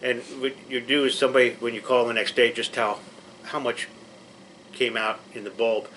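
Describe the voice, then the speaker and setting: A patient educator teaches a pre-surgery class, explaining things plainly and reassuringly, restarting frequently. His medium-pitched, steady, slightly bright voice moves at normal speed on a rough recording with a little hiss or hum.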